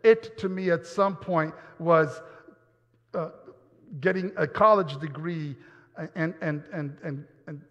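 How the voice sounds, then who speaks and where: Preaching a personal testimony in a church, a pastor from New York speaks earnestly and slowly, frequently repeating words. His voice runs on the high side with a fairly bright tone, captured in a dull recording with lengthy hall reverb.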